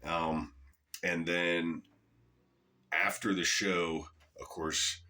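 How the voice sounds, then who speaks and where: A man's voice: low-pitched, fairly even intonation, extremely slow, pushed and bright. A middle-aged man telling a rambling, casual story to camera, swearing freely. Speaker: channel host.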